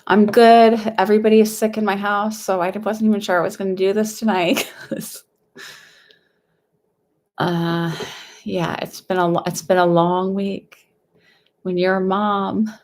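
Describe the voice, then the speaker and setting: A young woman with a lisp, a whistling s and a slight cold, speaking fairly quietly and hesitantly in a casual livestream psychic reading. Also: medium pitch, flat delivery, unhurried, pauses often. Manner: hesitant, rambling, conversational. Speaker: psychic medium host giving live readings.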